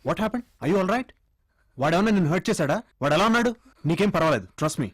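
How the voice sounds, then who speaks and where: An actor playing a young male police officer who talks briskly and gives orders. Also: sits high, sing-song, fairly bright tone, heavily acted. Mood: urgent. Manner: brisk, commanding. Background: film score.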